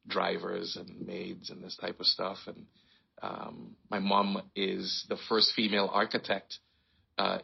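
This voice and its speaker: A man raised in Trinidad and Tobago, telling his life story in a relaxed, rambling way as an interview guest. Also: sits low, creaky, husky, lo-fi sound. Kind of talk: casual conversation.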